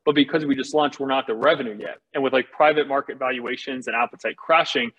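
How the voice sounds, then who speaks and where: A man with a forceful, bright voice and a slightly rough, husky edge delivers a confident startup pitch. He talks casually and candidly, like a founder selling his company to investors. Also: steady tone, fast, highs cut off. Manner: casual, candid, salesy explaining.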